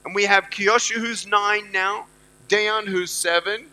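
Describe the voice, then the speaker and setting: A man's voice: sits high, fairly even intonation, measured pace, sharp tone, smooth, poor audio. A middle-aged man giving a motivational speech to students at a university event. He talks emphatically and repeats his key phrases. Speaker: motivational speaker.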